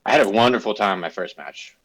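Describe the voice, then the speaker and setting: A man co-hosting a gaming podcast, talking in a playful, rambling way with lively jumps in pitch. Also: fairly quick, low-quality recording. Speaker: podcast co-host. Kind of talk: casual gaming chat.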